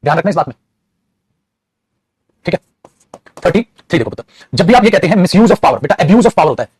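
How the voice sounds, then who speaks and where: A male teacher lecturing a class in a high, husky voice. He rushes through grammar points at great speed and often calls his students "child". The sound is dry and close. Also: sing-song, darkish tone, no room sound. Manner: lectures with moral advice. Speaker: English teacher.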